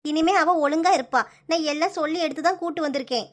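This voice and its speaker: A protective middle-aged mother in a cartoon, acted by a woman, with a Kanyakumari accent. She speaks firmly in a high voice and at a brisk pace. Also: natural voice. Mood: placating. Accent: Kanyakumari Tamil. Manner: firm, placating.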